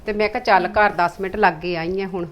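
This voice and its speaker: A woman's voice: medium pitch, fairly even intonation, fairly quick, lightly acted. A woman playing a hospitable middle-aged mother who speaks with a Punjabi accent and presses her guest to stay. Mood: welcoming. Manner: warm, insistent hostess talk.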